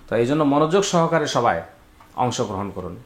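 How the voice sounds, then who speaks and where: A man teaching Quran reading step by step. He spells out letters and vowel marks, then recites the words in long drawn-out chanting, and speaks directly to viewers following along. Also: medium pitch, animated, echoey room. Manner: addresses viewers directly, asks them to repeat along.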